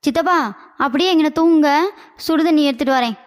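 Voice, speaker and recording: A man voicing a sharp-tongued young wife in a comic cartoon, with a scolding way of talking. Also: sits high, quick pace, noisy background, lightly acted. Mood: caring.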